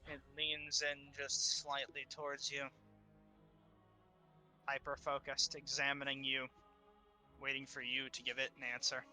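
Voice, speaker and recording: A man narrating a tabletop game as game master, in a halting, descriptive way with many fillers. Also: mid-range voice, completely flat delivery, pushed and bright, faint music behind.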